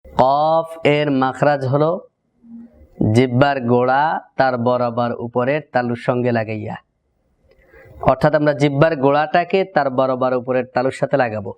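A man with a Bangladeshi Bengali accent teaching Quranic letter pronunciation step by step, slowly drilling each syllable. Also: medium pitch, smooth, dull audio. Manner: slow, drawn-out drilling of syllables.

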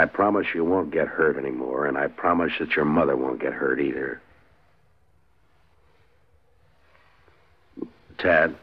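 An American actor playing a steady, protective frontier marshal in a 1950s radio western. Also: male voice, rumbling low, husky, heavily acted. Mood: gentle, earnest. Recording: dull, noisy 1950s radio recording.

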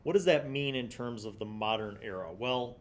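In a small block-walled studio, a middle-aged man reviews tabletop games for his series, alternating between explanation and reading from a magazine in a measured way. A large condenser mic sits on his desk, and the recording carries a low background rumble.

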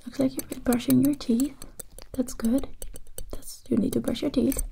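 A young woman acting out a reassuring medic in an ASMR ASMR role-play. Her soft voice is high and creaky, slipping into speaks softly as she repeats little phrases to a patient. There is clear noise in the close recording. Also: steady tone, moderate pace. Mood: soothing, businesslike. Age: young adult. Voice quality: soft, breathy, often soft-spoken. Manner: murmured, repetitive, reassuring patter. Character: brisk, reassuring female medic doing procedures on a patient. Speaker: ASMR performer. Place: small indoor room. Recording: noisy close recording with clicking.

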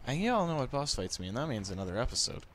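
A man's voice: medium pitch, big pitch swings, fast talker, fairly bright tone, slight background noise. A man giving casual let's play commentary on a game, chatting to the enemies and to his viewers. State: hiccups. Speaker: gaming YouTuber.

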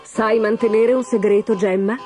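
A woman's voice: medium pitch, fairly even intonation, normal speed, warm tone, faint music behind, natural voice. A woman doing a courtly storybook prince. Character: young male prince, courtly and composed. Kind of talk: storybook reading.

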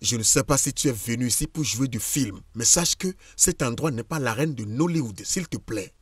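A man's voice: medium pitch, animated, moderate pace, slightly rough, no room sound. A man dubbing a stern husband who firmly turns his ex-wife away, in a French-dubbed film. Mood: dismissive. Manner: firm, dismissive.

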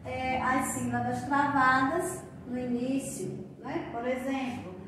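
High, slow Brazilian woman teacher. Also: background noise. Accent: Brazilian Portuguese. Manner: slow, patient sounding-out of syllables. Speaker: primary school teacher. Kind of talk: recorded literacy lesson for young children. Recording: very echoey room, voice from a distance.

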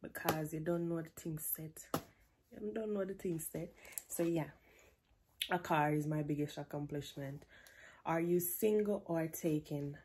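Speaking in a low, unhurried voice with a little hiss or hum behind it, a twenty-something Jamaican vlogger answers questions from her bedroom. Her camera sits close as she jokes around casually, her Jamaican accent slipping into patois.

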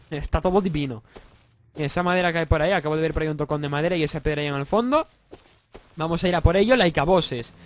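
With a Spanish accent and a voice on the high side, a young gaming YouTuber from Spain does casual let's-play commentary. Slightly congested from a sore throat, he stays excitable, joking and cursing and breaking into yells.

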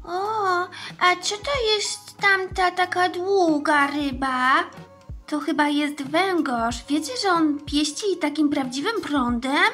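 A caring, cheerful older girl in a doll-game story, as a woman acts it out. The voice is very high and bright, speaking slowly and gently over background music. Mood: chatty.

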